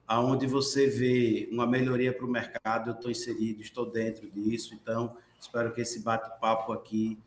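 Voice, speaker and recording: A man's voice: mid-range voice, level tone, moderate pace, hardly any pauses, roomy sound, a little hiss or hum. A man from Aracaju, a real estate professional speaking as a webinar guest, sounding enthusiastic. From Aracaju, Sergipe, Brazil.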